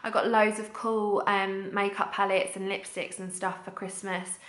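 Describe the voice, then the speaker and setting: A young woman talking to her vlog camera in a chatty, excited and heartfelt way. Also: mid-range voice, moderate pace, roomy sound. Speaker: vlogger.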